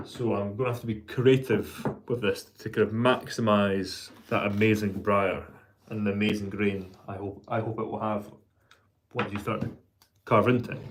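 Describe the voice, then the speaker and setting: A man chatting casually as a pipe maker on his vlog, thinking aloud in a halting way and repeating words. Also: lowish voice. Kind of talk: casual, rambling hobby vlog chat.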